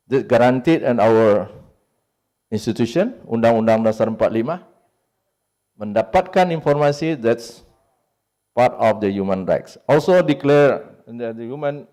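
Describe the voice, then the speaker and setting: A man with an Indonesian accent talks in unscripted English, his second language, with a warm and relaxed tone. He stops often to find words and fills the gaps with "uh". He sets out his points one at a time and leans on each one. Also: mid-range voice. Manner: halting, searching for English words with many fillers. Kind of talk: unscripted talk on a panel.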